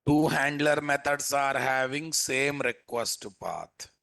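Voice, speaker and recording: A man's voice: medium pitch, fairly even intonation, takes it slowly, creaky, sharp tone. A man with a Telugu accent teaching a live programming lesson as an instructor, repeating phrases and often checking with his listeners through questions. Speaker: software instructor.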